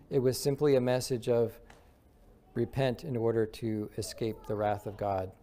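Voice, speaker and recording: A visiting minister in his forties preaches from a wooden pulpit in a church sanctuary. His mid-range voice is warm, and he explains earnestly, leaning on emphatic lists.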